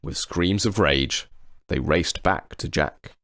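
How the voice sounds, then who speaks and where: A man reading a children's picture book aloud as an unhurried storyteller. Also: low-pitched, a bit bright, no echo, studio quality. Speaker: storybook reader.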